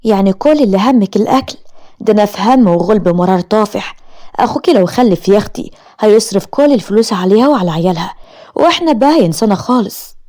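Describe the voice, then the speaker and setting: A woman with an Egyptian accent voicing a scheming, cruel sister-in-law in an animated story. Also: mid-range voice, fast talker, close to an everyday voice. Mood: scornful. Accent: Egyptian Arabic.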